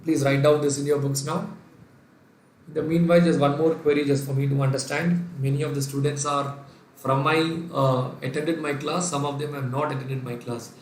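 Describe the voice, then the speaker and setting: In a reverberant recording with a little hiss or hum, a finance lecturer with a high-leaning voice talks at a moderate pace in a level tone. The Kerala native, a first-language Sindhi speaker with an Indian English accent, dictates working step by step in a live online revision session, reading out viewers' names and responding as he goes.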